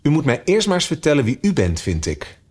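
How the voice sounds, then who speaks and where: A man's voice: fairly high pitch, huge pitch swings, fairly quick, darkish tone, breathy edge, voice pushed up, heavily acted. A shy, very polite young girl from a storybook, voiced by a male reader. She sounds unsure and a little confused, her speech lifting and falling as she answers carefully. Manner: timid and very polite.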